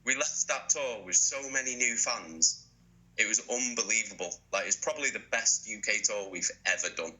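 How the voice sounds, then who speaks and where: Man, deep voice, very bright sharp tone, casual interview chat, swears a lot. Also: normal speed, low-quality recording. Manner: sweary, excitable, laughs often. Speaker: band member being interviewed.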